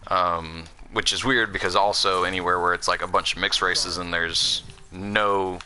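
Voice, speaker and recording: Streaming a game, this young Southern American chats in a rambling way, restarting often and leaning on fillers, his accent mixing Southern and Northern traits. The voice is deep and steady, moving at a moderate pace over a noisy background.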